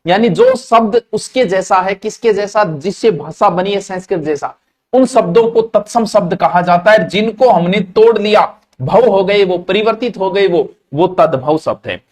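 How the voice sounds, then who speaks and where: Man, grammar teacher, marwari accent, high voice, asks and answers his own questions. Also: animated, moderate pace. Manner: mixes Marwari words into Hindi, asks questions and answers them. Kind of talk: classroom grammar lesson.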